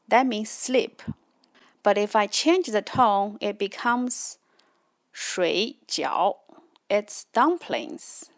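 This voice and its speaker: Slow, soft-spoken woman. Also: fairly high pitch, dry recording. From China. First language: Chinese. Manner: patient, explains slowly with examples. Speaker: host. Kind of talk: educational explanation.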